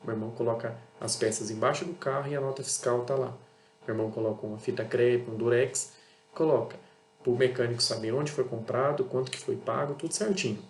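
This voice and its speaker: A man's voice: medium pitch, fairly quick. A Brazilian man running an auto parts business talks bluntly in a casual monologue, repeating himself and acting out exchanges with customers. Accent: Brazilian Portuguese. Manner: blunt, repetitive, acts out dialogues with customers. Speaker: auto parts seller and channel host. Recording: echoey room with faint hum.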